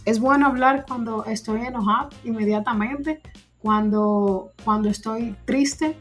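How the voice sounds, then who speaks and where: Hesitant woman host asking questions. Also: mid-range voice. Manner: hesitant, repeats words while forming questions. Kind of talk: interview questions.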